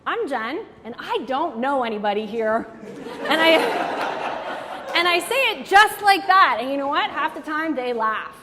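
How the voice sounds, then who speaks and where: High-voiced and unhurried, the speaker gives a jokey, frank talk on networking before a live audience, with a crowd audible in the background, and answers questions. She's animated and says "like" a lot. There's hall reverb and faint background noise.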